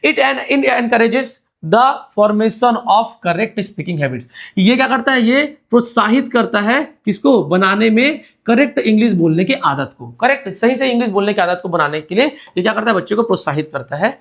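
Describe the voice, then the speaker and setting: Gravelly high-voiced male teacher. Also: lively intonation, brisk, hardly any pauses, a bit bright. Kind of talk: exam-prep lecture explaining notes.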